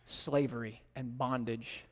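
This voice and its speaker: A man with an American accent preaching a sermon as a pastor, telling stories with big animated swings in pitch. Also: slow. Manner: animated storytelling, pitch leaping high in anecdotes. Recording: long reverb of a large hall.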